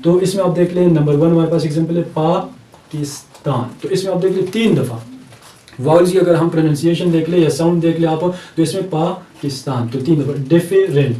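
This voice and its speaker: A man's voice: on the high side, mellow. Pakistani male teacher in an echoey room. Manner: explanatory, mixes English terms into Urdu, repeats example words slowly. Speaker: English teacher. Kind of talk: recorded lecture. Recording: echoey room, mic at a distance.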